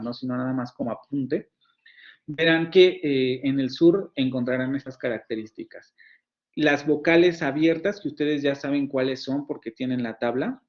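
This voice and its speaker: A man's voice: medium pitch, highs cut off. Mexican man teaching phonetics. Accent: Mexican Spanish. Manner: explanatory, repeats and restarts words while demonstrating sounds. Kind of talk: online lecture.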